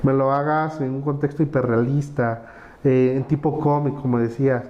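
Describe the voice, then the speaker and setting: A man presenting a conversational webinar, explaining step by step and running through lists of examples, often ending with a quick tag question. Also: medium pitch, fairly even intonation, reverberant, muffled recording.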